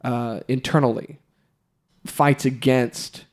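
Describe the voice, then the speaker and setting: Man, middle pitch, thoughtful, measured, casual podcast chat. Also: fairly even intonation. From Texas. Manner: thoughtful, measured, occasional laughs. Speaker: podcast host, music store employee.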